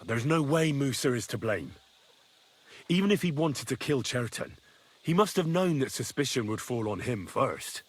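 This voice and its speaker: A man's voice: mid-range voice, lively intonation, normal speed, close to an everyday voice. A young man voicing an earnest, curious squire in a game, thinking aloud and asking questions. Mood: thoughtful. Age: young adult.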